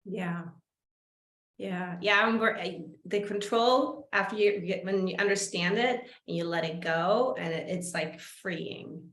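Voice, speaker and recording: A woman's voice: mid-range voice, a little slow, fairly bright tone, roomy sound. A woman hosting an interview, chatting casually and reflecting aloud while searching for her words. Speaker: host.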